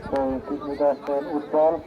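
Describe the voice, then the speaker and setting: A man's voice: fairly high pitch, little pitch movement, brisk, dull audio. A man giving emphatic live football commentary outdoors, repeating his phrases as he announces. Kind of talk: live penalty shootout commentary. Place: outdoor village football ground. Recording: outdoor field recording with loud crowd.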